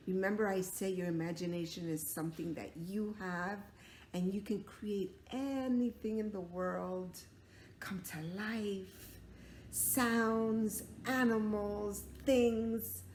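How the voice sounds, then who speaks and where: Like a teacher with young children, a woman tells a story, encouraging them with questions and acting out little sound effects. Her voice is on the low side with a darkish tone, and the recording has a roomy echo and clear background noise.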